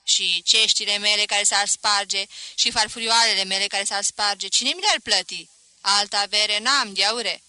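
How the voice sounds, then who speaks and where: A woman reading a novel aloud, voicing a fussy, worried old male coffee seller who talks loudly. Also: mid-range voice, clear, resonant tone, dry recording, low-quality recording. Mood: anxious.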